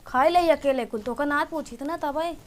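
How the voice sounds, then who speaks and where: A woman's voice: high voice, moderate pace, natural voice. A woman playing a defiant young wife who bickers in a village comedy skit, with an Awadhi accent. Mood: bickering. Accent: Awadhi, eastern Uttar Pradesh. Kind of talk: rustic family comedy skit.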